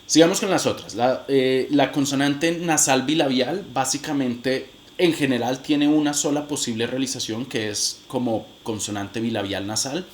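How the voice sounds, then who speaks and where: A man's voice: medium pitch, steady tone, normal speed, few pauses, a little hiss or hum. A man giving a recorded phonetics lecture, demonstrating sounds aloud and talking straight to his viewers, with frequent hesitant restarts. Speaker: phonetics teacher.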